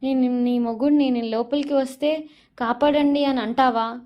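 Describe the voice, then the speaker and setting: A stubborn young husband who keeps arguing back, loud and high-pitched, as a woman storyteller plays him. He is aggrieved and pleading, raising his voice with every line of this serial recap. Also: steady tone, normal speed, dull audio, close to an everyday voice.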